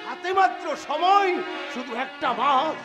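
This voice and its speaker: An actor playing an old family servant who rambles and repeats himself in a theatrical stage delivery, in live folk-theatre acting. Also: male voice, extremely high pitch, a little slow, dull audio. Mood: foreboding. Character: old male family servant, rambling, eerie, thought drunk. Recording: live stage mic with loud music.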